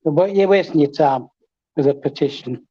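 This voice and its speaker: A relaxed, wry man chats on a football fan panel. His voice is a little high and mellow, and it comes through a dull, lo-fi connection. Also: moderate pace, breathy edge. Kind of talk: casual fan chat. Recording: dull lo-fi audio.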